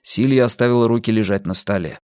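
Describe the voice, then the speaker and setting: A man's voice: fairly low pitch, quick pace, darkish tone, clean tone, no echo, clean studio sound. A man narrating an audiobook in a tense, urgent storytelling manner. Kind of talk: audiobook reading.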